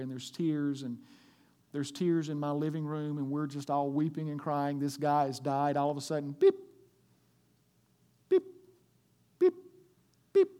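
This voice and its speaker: A male pastor preaching a sermon to a congregation, swinging from loud, emphatic lines to hushed ones. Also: on the high side, clean tone. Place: church in front of a congregation.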